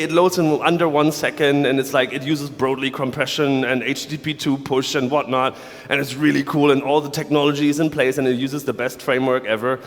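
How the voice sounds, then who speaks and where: A man from Germany, giving a playful, sarcastic conference talk to developers. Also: fairly high pitch. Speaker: conference speaker. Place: large conference hall. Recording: long reverb of a large hall.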